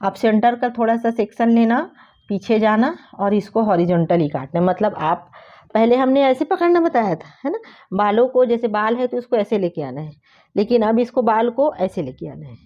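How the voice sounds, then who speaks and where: Woman, hairdressing teacher, mellow voice, chatty repeats, dull lo-fi sound. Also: a little high, lively intonation, moderate pace. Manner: chatty, repeats key terms with "theek hai". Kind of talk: casual hands-on tutorial.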